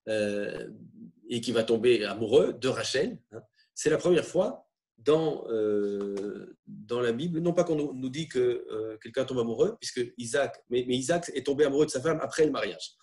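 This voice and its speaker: A male lecturer works through a religious text for a class. He speaks in a middling voice, explains step by step, and pauses and restarts as he goes. He often adds small tag questions to check that his listeners follow. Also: medium pitch, darkish tone. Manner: explanatory, halting, frequent "hein" tags.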